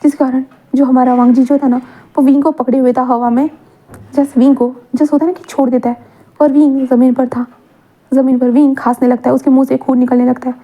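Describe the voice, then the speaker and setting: A woman with a high voice narrates a story in a casual, repetitive way. She mixes in English words. The audio is thin and tinny, like a phone line. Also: level tone, brisk.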